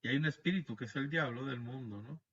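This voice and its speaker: A man's voice: mid-range voice, fast, a bit bright, dull audio. A man teaching a Bible class over a video call, explaining patiently and often checking in with his listeners. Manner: explanatory, frequent tag questions, restarts words.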